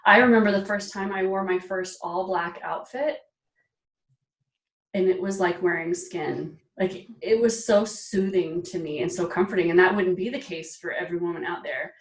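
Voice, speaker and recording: A woman in her forties, a style expert being interviewed, talking in an animated, emphatic way and laughing often. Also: fairly low pitch, moderate pace, roomy sound, far from the mic. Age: 40s. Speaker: guest, personal style expert. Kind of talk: casual interview chat.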